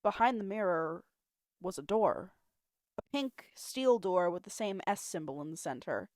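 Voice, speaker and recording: A woman's voice: lowish voice, animated, a little slow, a little mellow, no room sound, studio quality. A woman narrating fan fiction as an amateur audiobook reader on a home mic, telling it expressively. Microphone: home mic, not professional.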